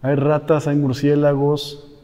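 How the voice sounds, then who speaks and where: A man with a Mexican accent, hosting an exploration vlog and giving hushed, cautious commentary as he walks through a large abandoned building. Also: a little high, monotone, measured pace. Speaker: host, explorer.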